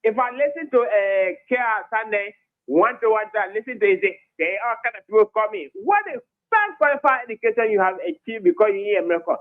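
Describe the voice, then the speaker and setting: Liberian male caller, emphatic rambler, high pitch, heard over a clipped phone line. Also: animated, brisk. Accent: Liberian English. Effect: clipped, poor phone line. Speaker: radio call-in caller. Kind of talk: heated call-in opinion.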